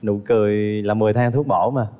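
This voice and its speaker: A man from Ca Mau, a contestant talking gently and earnestly on a dating show. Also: lowish voice, steady tone, fast talker, narrow, tinny audio. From Ca Mau, southern Vietnam. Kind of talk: casual conversation. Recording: reverberant TV studio with music.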